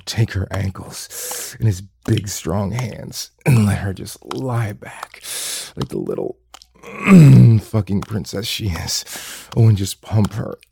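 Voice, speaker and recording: A man speaking an intimate whispered roleplay monologue in a breathy, murmuring delivery with soft sighs. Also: on the low side, very animated, takes it slowly, a little hiss or hum. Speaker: erotic audio performer.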